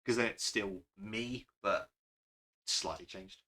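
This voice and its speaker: A man's voice: lowish voice, steady tone, slow, bright, forceful tone. A man who runs a tabletop game, chatting casually and rambling a bit, with self-deprecating laughs. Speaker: game master. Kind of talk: casual podcast chat.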